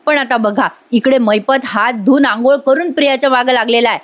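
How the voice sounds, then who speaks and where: A woman's voice: fairly high pitch, steady tone, fairly quick. A woman chattily retelling a TV serial episode and talking directly to her viewers. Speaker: serial recap narrator.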